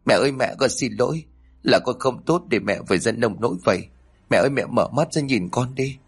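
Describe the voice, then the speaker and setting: A man's voice: medium pitch, animated, a little fast, husky, soft background music. A man reading aloud, voicing a devoted young son in a family storybook tale who speaks earnestly and pleads. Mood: distraught.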